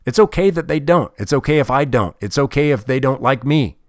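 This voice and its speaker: Blunt, profane motivational speaker. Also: male voice, mid-range voice, expressive, brisk, no room sound, studio quality. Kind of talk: motivational talk.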